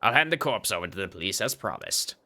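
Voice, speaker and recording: A man's voice: low voice, big pitch swings, fast, sharp tone, pitched below the performer's own voice, heavily acted. A man voicing a greedy, scheming man obsessed with mermaids and immortality, with a smug, taunting manner, as a streamer dubs a game.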